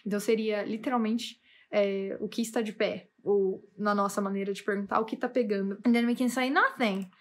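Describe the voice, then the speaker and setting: Lively woman teaching English. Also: a little high. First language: Portuguese. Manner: lively, enthusiastic, switches between languages. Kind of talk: bilingual English lesson.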